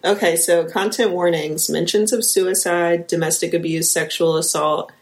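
A woman's voice: lowish voice, steady tone, normal speed, a little hiss or hum. A woman with a Midwestern accent, co-hosting a true-crime podcast and reading case notes with casual ums and asides. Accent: Midwestern American. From American Midwest. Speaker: podcast co-host, lead investigator.

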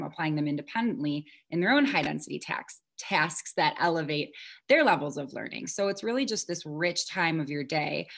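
A woman's voice: lowish voice, fairly bright tone. A woman guest on a podcast interview, earnest and articulate, explaining her views with occasional ums. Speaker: podcast guest, instructional coach. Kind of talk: conversational interview.

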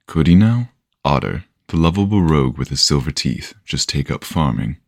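A man voicing an older castaway storyteller who teases and lectures in an unhurried, knowing way. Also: rumbling low, big pitch swings, vocal fry, dry recording, clean studio sound, heavily acted. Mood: wry. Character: older wry storyteller, patient and teasing.

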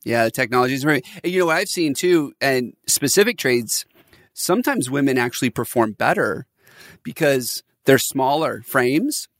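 An energetic man hosts a conversational interview, speaking like a business coach who slips easily into stories and laughter. His voice sits at an ordinary middle pitch. The recording is dry, with no room echo. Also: normal speed. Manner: animated, laughing storyteller.

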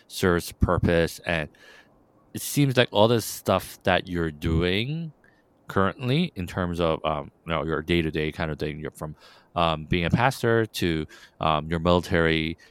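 Deep, smooth-voiced male host, dry close sound, meandering questions. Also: no room sound. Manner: rambling, filler-heavy questions. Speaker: interview host. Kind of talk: podcast interview.

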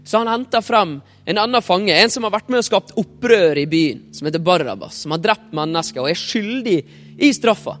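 A man's voice: sits high, lively intonation, fairly bright tone. A man preaching a sermon, retelling a story vividly and acting out the quotes. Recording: long reverb, faint music.

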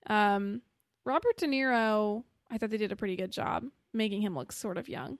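A woman's voice: mid-range voice, normal speed, dry recording, studio quality. A woman co-hosting a casual podcast, chatting about a film in a wry, rambling way. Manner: chatty, wry, trails off and restarts. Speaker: podcast co-host. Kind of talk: casual film discussion chat.

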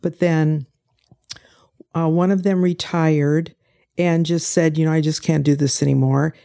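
An older woman, a volunteer at a pie sale, chats as a guest in a casual interview, telling stories and acting out what people said to her. Her voice is low, dark and creaky, with a steady tone and measured pace.

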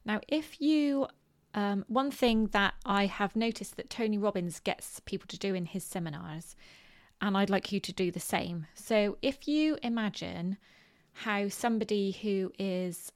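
A woman's voice: medium pitch, slow pace. A woman from Bristol with a West Country English accent, hosting a podcast solo in a chatty, informal, hesitant way full of ums. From Bristol, southwest England. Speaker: podcast host. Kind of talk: casual solo podcast talk.

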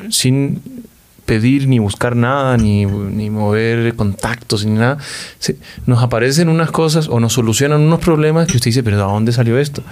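A man's voice: mid-range voice, moderate pace, a little mellow. A man hosting a religious podcast, reflecting earnestly on faith and addressing his listeners directly. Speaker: podcast host.

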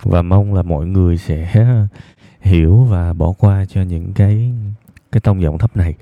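A man with a southern Vietnamese accent hosts an evening advice programme, speaking reflectively to listeners in a subdued, unhurried, deliberately low tone with fairly even intonation. The recording is dry, with a thin, band-limited, phone-like sound.

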